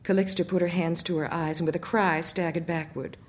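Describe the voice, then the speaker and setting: A woman with a notably low voice reads a literary story aloud. Her narration is measured and expressive, paced for listening. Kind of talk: audiobook story reading.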